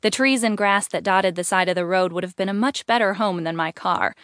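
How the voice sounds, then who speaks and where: A woman narrating a first-person audiobook in an even, clear storytelling manner. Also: mid-range voice, a little fast, no echo, clean studio sound.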